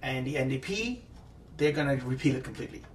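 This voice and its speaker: A man's voice: medium pitch, lively intonation, quick pace. A man in his thirties from Trinidad, a studio guest talking earnestly and passionately on a talk show, often repeating himself. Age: 30s. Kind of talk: casual talk-show discussion. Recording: distant mic with faint ambience.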